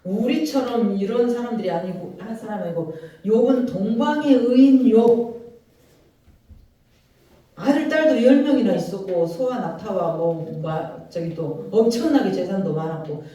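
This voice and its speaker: A pastor with a Jeolla Korean accent delivers an animated sermon, acting out prayers in a mellow voice. The sound rings through a large church hall with strong echo. The voice is picked up from well away from the microphone. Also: medium pitch, a little slow. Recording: very echoey church hall, voice from far off.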